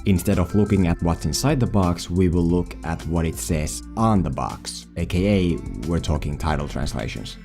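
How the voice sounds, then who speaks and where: A non-native English-speaking man hosts a film video, delivering sarcastic, mock-dramatic scripted comedy commentary. His low, darkish voice keeps a moderate pace with hardly any pauses, and faint music plays behind him.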